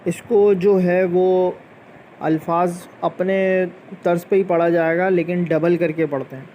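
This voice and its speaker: A man teaching Quran letter pronunciation, patiently explaining and repeating each letter slowly to demonstrate. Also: sits high, fairly even intonation, highs cut off, slight background noise. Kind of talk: slow spoken tajweed lesson with drawn-out letter demonstrations.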